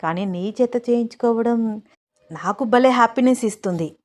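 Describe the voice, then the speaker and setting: A woman's voice: fairly high pitch, moderate pace, close to an everyday voice. Woman doing a teasing young husband, cocky, cajoling, storybook romance.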